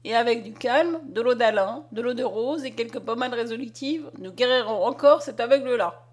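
A kindly old doctor, read by a woman in a storybook, calm and fatherly. He speaks in a gently firm, soothing way, in a voice on the higher side. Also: moderate pace, close to an everyday voice.

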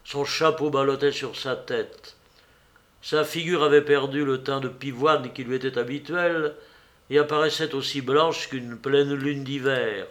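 A man narrating a novel in a steady, calm voice of middling pitch. He moves through the prose evenly, in a plain storytelling manner. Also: measured pace. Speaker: audiobook narrator. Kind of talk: reading a French novel aloud.

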